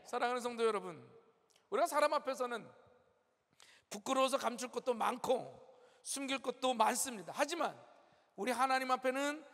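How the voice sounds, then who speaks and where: Male pastor, very high gravelly voice, conversational preaching in a reverberant church hall. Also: animated, normal speed, long pauses. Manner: conversational preaching with humor, rising to shouted exhortation. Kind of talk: sermon.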